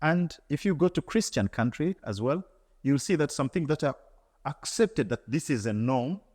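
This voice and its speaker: A man's voice: fairly high pitch, lively intonation, normal speed, a little mellow. Earnest man in a reverberant hall. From Tanzania. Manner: earnest, repeats words and restarts often. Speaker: interview guest, engineer. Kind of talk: reflective conversational answer.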